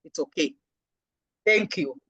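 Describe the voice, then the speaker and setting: Animated Kenyan woman counselor. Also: deep voice, takes it slowly, slightly rough, dry recording. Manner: animated, acts out little voices when quoting people. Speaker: guest speaker, counselor. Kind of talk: lecture-style talk.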